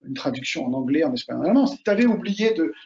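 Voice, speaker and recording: A man talks quickly in a fairly high, dark and mellow voice, coaching students for an oral exam. He is animated and casual, hammers home his main points and speaks straight to the listener. The recording is dull and lo-fi. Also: creaky. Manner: animated, repeats key points, addresses listeners directly. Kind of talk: casual advice talk to students.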